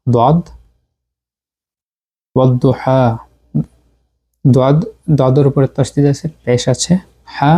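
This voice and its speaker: A man gives a tajweed lesson on Quran recitation. He is patient and repeats syllables slowly to drill their pronunciation. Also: medium pitch, warm tone.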